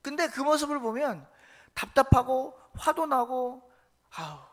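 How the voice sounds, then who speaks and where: A man's voice: sits high, animated, moderate pace, fairly bright tone. A male pastor delivers a Sunday sermon in a storytelling manner. He acts out the lines of the figures in his stories and keeps turning to the congregation with questions. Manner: storytelling, quizzing the congregation, acting out quotes.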